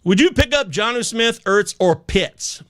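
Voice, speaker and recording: A man's voice: high-pitched, lively intonation, a little slow, a bit bright. A man hosting a casual live sports advice chat, stoned, talking in a laid-back stoner drawl with stretched words and repeating himself for emphasis. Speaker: host of a fantasy football advice live chat. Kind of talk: casual live chat commentary, answering viewers' questions.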